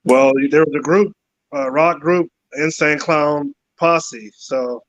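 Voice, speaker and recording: A man's voice: a little high, takes it slowly, crowd noise. Man on a choppy phone video call. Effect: choppy phone video-call connection. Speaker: guest, python breeder. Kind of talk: casual interview chat. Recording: dull lo-fi phone audio cutting out.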